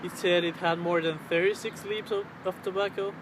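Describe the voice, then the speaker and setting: A man in his twenties talks casually in a slightly high, fairly monotone voice, pausing and searching for words. He is outdoors on a camera's built-in mic, with clear traffic and ambient noise behind him. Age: 20s. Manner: hesitant, halting, searching for words. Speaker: vlogger. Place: outdoors on a riverbank under a road bridge. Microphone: camera's built-in mic at arm's length.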